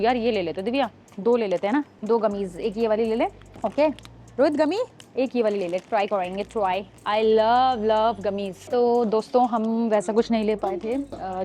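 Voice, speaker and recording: A young woman records a casual travel vlog inside an airport terminal. Her voice sits a little high, and she talks in a chatty way, calling her viewers guys and mixing in English words. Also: warm tone. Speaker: vlogger host.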